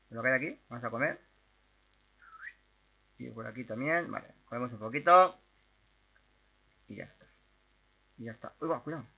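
Excitable young Spanish gaming YouTuber, bright voice. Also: male voice, mid-range voice, gravelly. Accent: Spain Spanish. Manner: chatty, excitable, with sudden loud outbursts and repeated words. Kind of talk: casual gameplay commentary.

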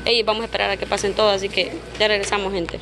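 A woman's voice: mid-range voice, flat delivery, very fast, background noise. A woman, chatting playfully in a casual vlog as she shops, often calling out names. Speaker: vlogger. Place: large indoor variety store.

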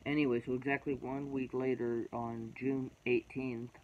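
Young man telling a painful story, halting. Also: little pitch movement. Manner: blunt, halting, swearing, emotional. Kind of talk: personal testimony to camera. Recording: dull low-fi recording with background noise.

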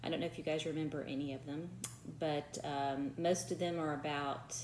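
Reading a picture book aloud, a teacher in her forties encourages young children, adds chatty asides and puts questions to the unseen kids. Her voice sits low with fairly even intonation and normal speed. There's a roomy echo and faint noise behind her.

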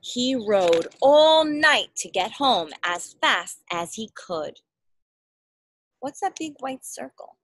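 Speaking slowly and with lots of animation, a woman in her thirties reads a storybook to a child in the backyard. Her voice sits a little high, and she explains things and asks simple questions as she goes, like a parent with a picture book. There's no echo on the phone or laptop mic, held at arm's length.

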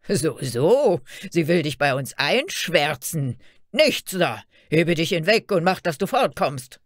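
A woman voicing a group of harsh old male guards who bark loudly and mock. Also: medium pitch, slow pace, no room sound, clean studio sound, voice pushed up, lightly acted. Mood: scornful shouting. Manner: loud, harsh and mocking. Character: gruff shouting old male gate guards.

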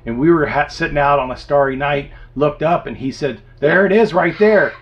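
A man's voice: fairly high pitch, moderate pace. Easygoing 50s guy in an rv explaining stuff, muffled sound w/ light hiss. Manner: easygoing, explains things, trails off quietly. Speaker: RV vlog co-host. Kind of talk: casual chat. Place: inside an RV, seated at table. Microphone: camera a few feet away. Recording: dull sound with faint background hiss.

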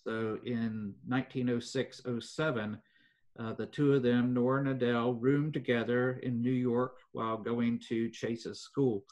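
An older man, telling local history in an interview at an even pace with many fillers. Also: mid-range voice. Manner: measured storytelling with frequent fillers. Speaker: foundation president, guest.

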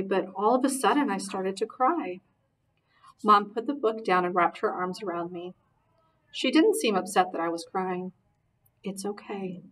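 A woman reading a novel aloud in a steady, earnest narration, recorded a little distant from the mic. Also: mid-range voice. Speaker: reader. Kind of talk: audiobook narration.

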